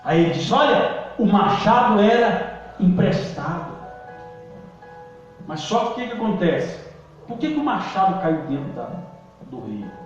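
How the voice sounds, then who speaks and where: A male pastor preaching a sermon, calling out to the congregation and swinging between loud emphasis and quiet low lines. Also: sing-song, measured pace, pauses often, faint music behind. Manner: preaching with call-and-response, emphatic swings in pitch and volume. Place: church hall. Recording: distant echoey church hall recording, dull.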